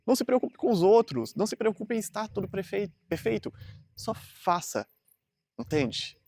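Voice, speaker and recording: A man's voice: high voice, very animated, normal speed, a little mellow, no room sound. Earnest Brazilian man in his thirties. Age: 30s. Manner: earnest, rambling, frequent fillers. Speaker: vlogger. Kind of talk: casual motivational monologue to camera.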